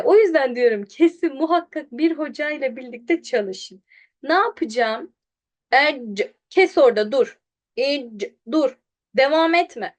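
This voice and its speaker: A woman teaching pronunciation online, sounding out syllables slowly and contrasting wrong and right versions. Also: sits high. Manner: directly addresses students, quotes them animatedly. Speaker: Quran recitation teacher.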